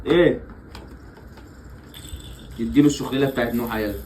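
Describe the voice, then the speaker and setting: A man's voice: mid-range voice, fairly quick, a little mellow, a little hiss or hum, rough recording. A young father with an Egyptian accent playfully coaxing his small children in a family vlog, laughing often. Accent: Egyptian Arabic. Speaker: father and vlogger.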